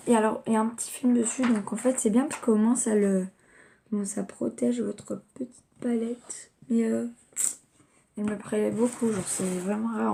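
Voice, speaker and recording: A woman's voice: mid-range voice, vocal fry, background noise. A young woman chatting casually as she unboxes gifts in a home vlog, rambling with lots of fillers. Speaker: vlogger.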